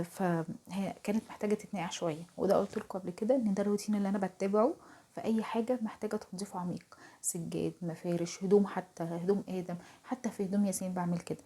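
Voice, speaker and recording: A young Egyptian woman with an Egyptian Arabic accent, talking softly and confidingly to her viewers in a casual home vlog, often dropping to a half-whisper. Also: mid-range voice. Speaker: home vlogger. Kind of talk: casual talk to camera.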